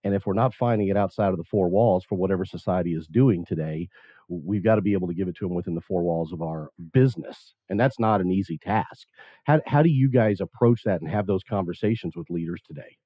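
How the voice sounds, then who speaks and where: A man's voice: sits low, fast talker, warm tone, no echo, low-quality recording. A man hosting a discussion, reflecting conversationally and putting questions to his guests. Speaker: discussion host. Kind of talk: conversational interviewing, reflective commentary.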